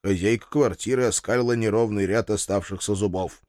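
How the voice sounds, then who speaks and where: A man's voice: fairly low pitch, steady tone, a little fast, darkish tone, no room sound. A man narrating a first-person audiobook in a wry, dry storytelling manner.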